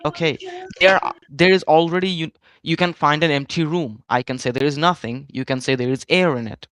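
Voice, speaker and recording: A man debating in a heated voice chat, explaining his points step by step in a measured way. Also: fairly high pitch, a bit bright, clear, resonant tone, no room sound. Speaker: debater arguing against religion.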